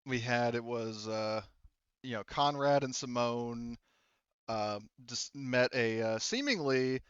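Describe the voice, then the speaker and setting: Acting as game master for a tabletop roleplaying game, a man narrates in a smooth, mid-pitched, slightly bright voice. His speech is halting and rambling, with frequent self-corrections. The recording is dry and a bit muffled, with no room sound.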